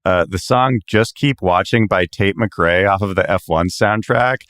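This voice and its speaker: A man's voice: low-pitched, unhurried, a bit bright, smooth, no room sound, clean studio sound. A man guesting on a comedic podcast, enthusiastic and giggly as he tells stories. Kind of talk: casual comedic chat.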